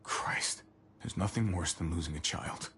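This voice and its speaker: An actor playing an anxious, placating younger brother among survivors in a dramatic video game. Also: male voice, low-pitched, a little slow, fairly bright tone, a little hiss or hum. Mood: alarmed, pleading. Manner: pleading, placating.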